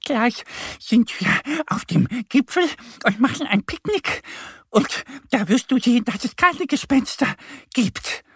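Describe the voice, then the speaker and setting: A storyteller voicing a cheerful, fearless little female duck in a children's story, speaking high and bright. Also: a little slow, dry recording, studio quality, heavily acted. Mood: cheerful, bold. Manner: bright, confident, excited.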